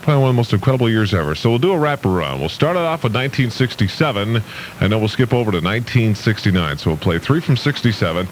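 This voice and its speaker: A man's voice: on the low side, animated, fast, slight background noise, rough recording. A man working as an oldies radio DJ, talking in casual on-air patter. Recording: radio broadcast over loud music. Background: loud music.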